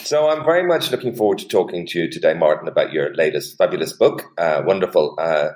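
A man interviewing a guest, phrasing his questions haltingly and repeating words as he goes. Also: low voice, expressive, a little mellow, roomy sound. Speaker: podcast interviewer.

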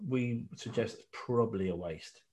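A man's voice: on the low side, moderate pace, a little mellow. A middle-aged man co-hosting a casual drinks podcast, explaining at length with many restarts. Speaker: podcast co-host. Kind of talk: casual chat about drinks tasting.

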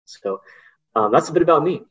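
A young adult man co-hosting a podcast, introducing himself in a relaxed, modest way with hesitant fillers. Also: fairly high pitch, brisk, husky. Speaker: podcast co-host. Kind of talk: casual self-introduction. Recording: dull lo-fi sound.

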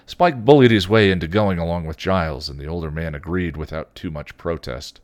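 A man hosting a podcast, reading a fan fiction chapter aloud with expressive delivery and occasional slips. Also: sits low, brisk, dry recording. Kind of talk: read-aloud story narration.

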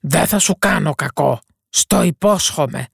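A woman voicing a male beast in a fairy tale, speaking slowly and softly as he reassures and makes promises. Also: low voice, animated, creaky, slightly rough, no room sound, studio quality, exaggerated voice. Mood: reassuring.

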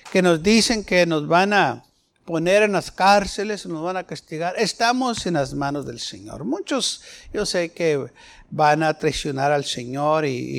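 A man preaching a sermon in an emphatic style, with questions that rise sharply. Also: on the high side.

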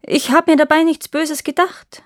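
Storybook role: woman playing a young noble girl, pitched up high, quick and flustered. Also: no room sound, studio quality, natural voice. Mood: defensive. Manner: high, excited, quick outbursts. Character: beautiful young noblewoman, spirited and easily startled. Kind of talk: storybook character voice.

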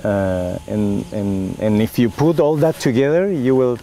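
A middle-aged male Chilean winemaker, native Spanish speaker with a Chilean Spanish accent, speaks earnestly in an oral history interview. His fairly low, mellow voice is a little slow with fairly even intonation, and he uses many fillers and restarts.

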